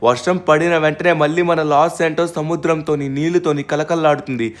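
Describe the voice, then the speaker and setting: Excitable young man narrating gameplay, fast. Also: fairly high pitch. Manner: excitable, exclaiming, reacting aloud. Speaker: gaming channel host. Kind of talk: narrating a game story with character voices.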